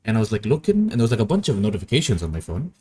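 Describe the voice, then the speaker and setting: A man's voice: lowish voice, huge pitch swings, racing, mellow, slightly rough. A young man chatting casually and rambling through stories while he works on an animation. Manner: rambling, anecdotal, easily amused. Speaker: animation streamer.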